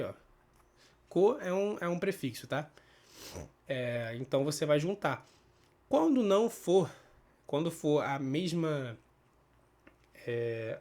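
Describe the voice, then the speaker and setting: A Brazilian man teaching a casual Portuguese spelling lesson, explaining step by step, thinking aloud and often checking in with quick tag questions. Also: fairly high pitch. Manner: thinks aloud with restarts and self-corrections. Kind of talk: casual spoken grammar lesson.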